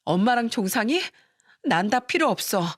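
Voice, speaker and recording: A woman's voice: fairly high pitch, big pitch swings, moderate pace, no room sound, clean studio sound, pitched above the performer's own voice. A woman voicing a tearful, devoted adult daughter who pleads and sobs, in a story radio reading. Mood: tearful pleading. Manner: pleading, sobbing.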